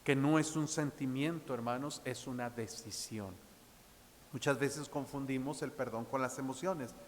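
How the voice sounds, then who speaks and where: Preaching pastor in a reverberant church. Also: male voice, mid-range voice, moderate pace, slight background noise. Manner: emphatic preaching, addresses listeners as brothers; reads scripture aloud. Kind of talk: sermon.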